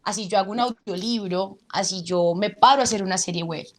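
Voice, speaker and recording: With a mid-range voice and a slightly fast delivery, this woman, an actress who also teaches drama, responds to interview questions. She's animated and explains by demonstrating things with her voice.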